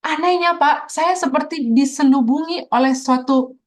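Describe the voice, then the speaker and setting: A woman's voice: sits high, normal speed. Earnest woman telling her testimony. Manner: earnest storytelling, often addressing the host as Pak. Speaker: guest giving a testimony. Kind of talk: personal testimony in an interview.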